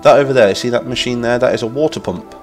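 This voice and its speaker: Speaking fast in a mid-range, slightly mellow voice, this Lincolnshire man with an English accent streams a game live, faint music playing behind him. He's got a cold that makes him nasal, yet he rambles on chattily and eagerly, reading out the chat.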